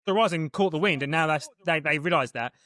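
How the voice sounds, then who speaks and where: A young man co-hosts a podcast, talking casually at a rapid clip, rambling and restarting often. His voice is on the high side, bright and forceful, in a dry recording.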